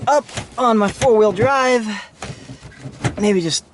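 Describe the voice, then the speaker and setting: A man with a high-sitting voice talks slowly over background noise while working inside a Jeep, filming on a handheld camera. He's a DIY car vlogger giving an informal, hands-on how-to, chatting as his hands stay busy.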